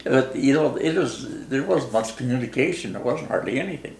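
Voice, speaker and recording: Old guy, war vet remembering way back, gravelly voice, rural midwest accent, halting n folksy, echoey room. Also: mid-range voice, animated, darkish tone. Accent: rural American Midwestern. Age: very old, 90s. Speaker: war veteran being interviewed. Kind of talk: casual reminiscing interview. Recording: roomy, echoing interview recording.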